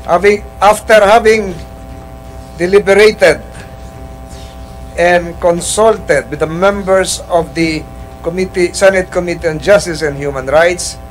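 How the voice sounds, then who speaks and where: Man, committee chair, formal and hesitant, slightly high voice, faint music behind. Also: low-quality recording. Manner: measured, formal, with frequent hesitations. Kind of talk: formal hearing proceedings. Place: legislative hearing room.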